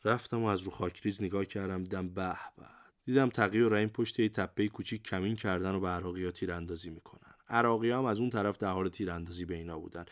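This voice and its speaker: An older man tells his war memories in a relaxed, colloquial way, sprinkling in everyday idioms. His voice sits low and he speaks as if to friends across a table. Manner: conversational, lively retelling with idioms. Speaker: war veteran narrator. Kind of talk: colloquial memoir storytelling.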